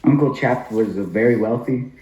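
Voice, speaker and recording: A man's voice: mid-range voice, moderate pace, warm tone. A man narrating a comic story for an amateur puppet show. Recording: muffled, echoey room.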